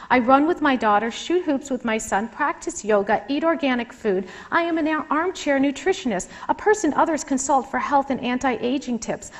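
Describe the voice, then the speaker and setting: A middle-aged woman author reading from her memoir to a live audience and chatting between passages in a wry, candid way. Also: high-pitched. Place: lecture room with a live audience.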